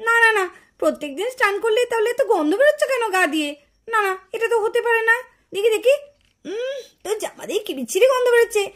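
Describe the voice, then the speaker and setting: A woman voicing an impatient, bossy mother doll in a puppet cartoon, scolding loudly and insisting. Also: very high voice, expressive, quick pace.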